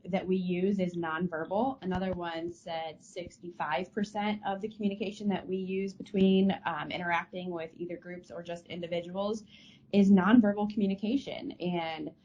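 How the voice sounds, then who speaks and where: A woman's voice: on the low side, fairly even intonation, moderate pace, a little mellow, dull audio, slight background noise. A woman co-hosting a casual podcast, speaking thoughtfully with frequent restarts over a remote connection. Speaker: podcast co-host. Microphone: remote call mic.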